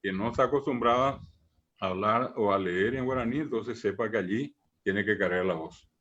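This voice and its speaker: A man teaching a language class online, patiently repeating examples, pausing on fillers and checking in with his students. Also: on the low side, a bit bright. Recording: muffled online call audio.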